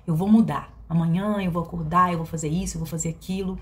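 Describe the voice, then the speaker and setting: A woman's voice: fairly low pitch, fairly even intonation, quick pace. Reflective mineira woman, hesitant speech. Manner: reflective and hesitant, with many fillers and restarts. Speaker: vlogger. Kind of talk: personal confessional vlog.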